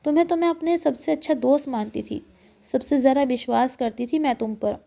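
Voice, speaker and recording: A woman's voice: sits high, a little fast, creaky, mellow. A woman voicing a tearful, resentful young widow. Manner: tearful, reproachful pleading.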